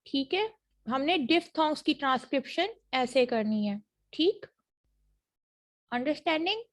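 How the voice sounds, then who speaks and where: A woman teaches a phonetics class online, speaking through a computer mic on a video call. Her voice sits a little high, and she has a throat infection. She stretches out sample words and checks in with her students after nearly every point. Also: animated. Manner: checks in often with 'theek hai?', models words slowly.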